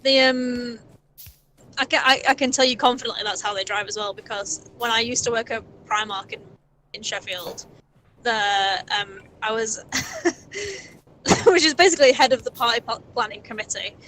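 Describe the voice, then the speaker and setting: A woman's voice: on the high side, normal speed, fairly bright tone, a little hiss or hum, rough recording. A young woman in her early twenties chatting casually on a live stream from a moving car over a voice call, rambling, swearing and laughing often. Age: early 20s. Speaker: stream co-host. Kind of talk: casual chat. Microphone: Discord voice call.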